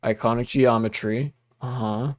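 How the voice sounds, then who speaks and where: A man's voice: mid-range voice, steady tone, measured pace. Young man, livestream host, casual commentary, rambling, profane, lots of fillers. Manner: rambling, profane, laughing reactions with many fillers.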